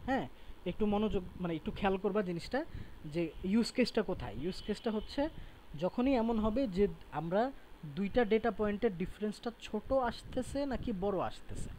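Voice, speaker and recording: A man's voice: sits high, lively intonation, moderate pace, darkish tone, a little hiss or hum, poor audio. Man explaining a lecture. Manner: explanatory, often checks in with students. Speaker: teacher. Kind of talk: classroom lecture.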